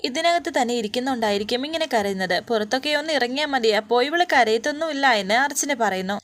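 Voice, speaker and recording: A woman retells a serial drama scene by scene in a relaxed, conversational way, now and then restarting a phrase. Her voice sits high. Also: fast talker. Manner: casual, with restarts and fillers. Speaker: storyteller.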